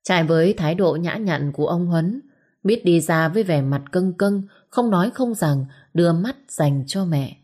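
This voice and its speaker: A woman's voice: lowish voice, animated, moderate pace, mellow. A woman storyteller reading a story aloud in a dramatic, scripted narration.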